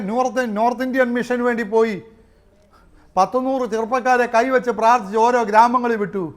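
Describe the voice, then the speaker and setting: A man preaching a fiery sermon, swinging loud shouts to low asides with praise exclamations. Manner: swings between shouting and near-muttered asides, with tongues and exclamations. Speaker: pastor. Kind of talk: Pentecostal sermon.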